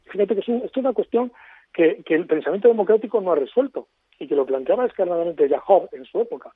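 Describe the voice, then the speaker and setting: A man's voice: high-pitched, expressive, quick pace, slightly rough. A man as a radio guest, explaining at length in an expansive, lecturing way over a phone line.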